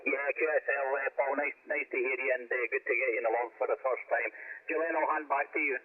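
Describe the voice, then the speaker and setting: A man's voice: medium pitch, steady tone, fast. A Scottish man chatting casually as an amateur radio operator over a radio transmission. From Scotland. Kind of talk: casual ham radio exchange. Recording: tinny radio, loud chatter and interference.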